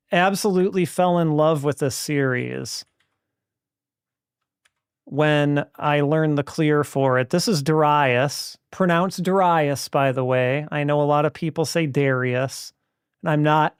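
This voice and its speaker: A man's voice: fairly high pitch, clean tone, dry recording, clean studio sound. A man hosting a live stream, chatting casually about retro arcade games, often restarting and correcting his sentences. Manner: rambling, restarts sentences, self-correcting, friendly. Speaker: streamer and host.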